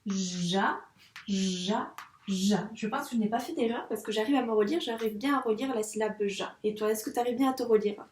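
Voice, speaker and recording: A woman's voice: on the high side, a little mellow, slight background noise. Woman teacher guiding a child. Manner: patient, encouraging, talks straight to the child; says sounds slowly while writing. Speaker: primary school teacher. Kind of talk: handwriting lesson for young children. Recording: echoey room, mic at a distance.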